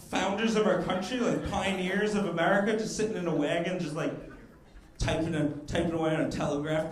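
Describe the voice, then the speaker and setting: High-voiced stand-up comic in a roomy club. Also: male voice. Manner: quick asides and crowd work. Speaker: stand-up comedian. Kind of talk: stand-up comedy set. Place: comedy club stage before a live audience. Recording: roomy live club sound with audience laughter.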